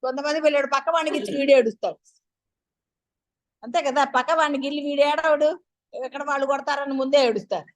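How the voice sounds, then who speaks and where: A woman with a high voice leads a spiritual discourse. She keeps posing rhetorical questions and talks straight to her listeners. Her manner stays chatty and coaxing. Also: fast, long pauses. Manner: addresses listeners directly. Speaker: spiritual teacher.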